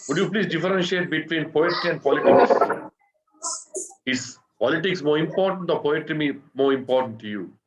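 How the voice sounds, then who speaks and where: A webinar moderator with a fairly high-pitched voice politely and briefly reads out questions to the guests of an online panel. He speaks a little fast, and the lo-fi audio carries a little hiss or hum.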